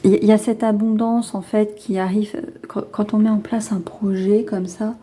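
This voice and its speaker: With a lingering head cold, a woman reading tarot cards talks casually to viewers, thinking aloud in a hesitant, rambling way. Her delivery is flat and moderately paced, her mid-range voice warm and slightly rough.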